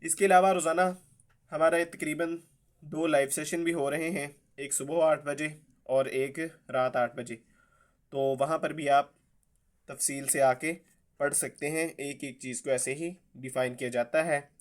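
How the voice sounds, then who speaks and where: Slow, clear-voiced man teaching recitation. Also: fairly high pitch, fairly even intonation. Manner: spells letters and vowel marks aloud, then recites drawn out. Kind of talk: slow spelled-out tajweed lesson.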